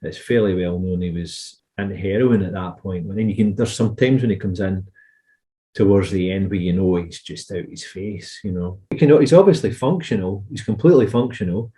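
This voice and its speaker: Low, mellow Scottish man chatting. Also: normal speed. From Scotland. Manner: chatty, rambling, trails into asides. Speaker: podcast co-host. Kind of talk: casual chat.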